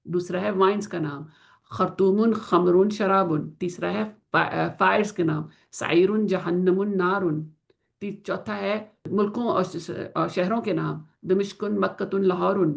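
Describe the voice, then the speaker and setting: A woman teaching Quranic Arabic grammar in an online class, explaining in Urdu mixed with English and slowly drawing out the Arabic example words. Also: mid-range voice, vocal fry. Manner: slow drawn-out pronunciation of Arabic example words, asks students to confirm.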